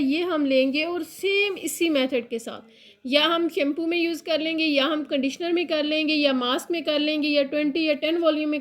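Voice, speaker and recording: A woman teaching a hair colour class, patient and repetitive, with English terms mixed in. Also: sits high. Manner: patient, repeats key points, mixes English terms into Urdu-Hindi speech. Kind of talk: classroom tutorial.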